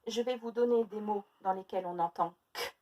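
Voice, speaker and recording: A woman teacher giving a phonics lesson to young children, stretching out each syllable and repeating words slowly. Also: medium pitch, mellow, far from the mic, muffled recording.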